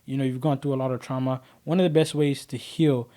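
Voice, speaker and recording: A man's voice: medium pitch, fairly even intonation, fast talker, dark tone. A man in his twenties, from Kenya, telling his personal story as a podcast guest in an earnest, rambling way with lots of fillers.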